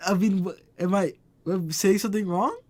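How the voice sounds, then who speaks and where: A man's voice: high-pitched, brisk, darkish tone. A man in his twenties hosting a casual chat, ranting and swearing freely. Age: 20s. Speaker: podcast host.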